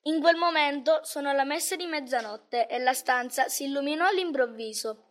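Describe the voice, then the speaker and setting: Reading a Christmas storybook aloud, a woman narrates calmly in a high, light voice with measured phrasing.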